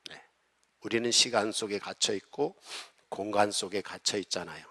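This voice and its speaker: A man preaching a sermon as pastor, emphatic and rising and falling in loudness as he draws replies from the congregation. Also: on the low side, normal speed, husky. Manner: emphatic preaching that rises and falls in loudness, coaxing the congregation to respond. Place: church sanctuary. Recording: long hall reverb in a church.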